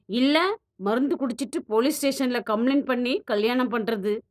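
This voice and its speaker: A woman's voice: on the high side, normal speed, close to an everyday voice. A woman voicing a domineering young man who makes harsh threats in an audio story. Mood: threatening. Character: menacing young village man, domineering bully.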